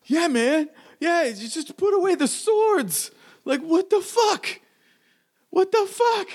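A man's voice: very high voice, lively intonation, slow pace, pitched above the performer's own voice, exaggerated voice. A man doing a terrified begging gunman. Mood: panicked. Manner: frantic, pleading, swearing. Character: terrified male gunman begging for his life.

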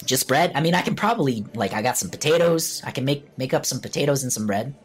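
A man's voice: medium pitch, animated, slightly rough, voice pushed up. A man voicing a nasally, brusque halfling cook who serves food in a dining hall. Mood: gruff. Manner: blunt, hurried, chatty.

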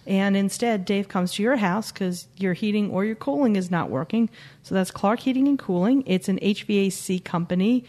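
A woman's voice: medium pitch, normal speed, warm tone. A woman co-hosting a podcast, chatting casually and introducing guests with wry, joking asides. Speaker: podcast co-host.

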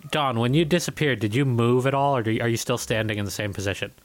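A man playing a tabletop game, deadpan and matter-of-fact. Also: medium pitch, quick pace, no room sound. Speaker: player. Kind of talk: casual tabletop play.

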